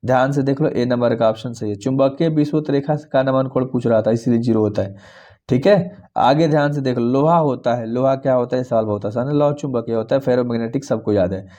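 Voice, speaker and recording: A man's voice: mid-range voice, brisk, warm tone. A young man with a Bihari Hindi accent, going through exam questions, repeating each answer and coaxing his students along. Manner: repetitive, coaxing, calls students darlings. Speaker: teacher. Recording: dull lo-fi recording.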